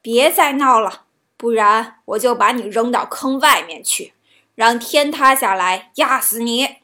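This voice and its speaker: A woman voicing a big male tiger who is gullible and quick to anger, in a children's storybook reading, speaking his lines loudly. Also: sits high, lively intonation.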